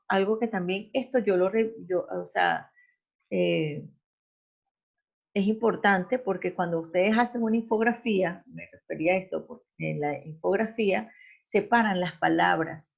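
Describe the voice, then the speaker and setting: A woman's voice: on the low side, vocal fry, husky. A woman teacher giving a class, explaining step by step, repeating herself and correcting herself often. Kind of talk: online class lecture. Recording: dull lo-fi recording.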